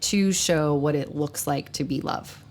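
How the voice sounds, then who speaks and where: A woman's voice: low-pitched, unhurried, a little hiss or hum. A woman hosting a casual group discussion, speaking earnestly and acting out the people she quotes. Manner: earnest, animated, acts out quoted speech.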